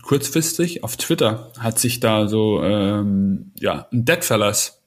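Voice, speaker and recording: A man's voice: lowish voice, animated, slow. Chatty man podcast co-host. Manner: chatty, many fillers and restarts. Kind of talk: casual chat.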